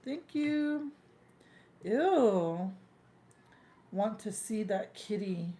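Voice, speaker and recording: A woman's voice: medium pitch, lively intonation, extremely slow, dark tone. A woman, chatting casually as a live stream co-host. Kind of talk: casual chat. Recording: clearly noisy, with room ambience.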